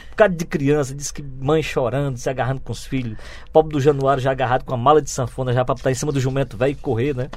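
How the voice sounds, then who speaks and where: A man tells anecdotes at a brisk clip. His delivery is lively and colloquial, peppered with tag questions. He speaks as a guest on an interview. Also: mid-range voice. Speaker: author guest. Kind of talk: anecdotal storytelling.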